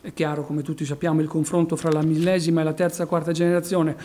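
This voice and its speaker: A man from Italy delivers a sermon in a high-pitched voice. He preaches emphatically, swelling loud on key phrases and sinking low after them. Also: flat delivery, fast.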